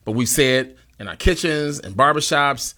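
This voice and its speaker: Halting male host with a bright, forceful tone. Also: medium pitch, expressive. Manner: halting, searching for words. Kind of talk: conversational discussion.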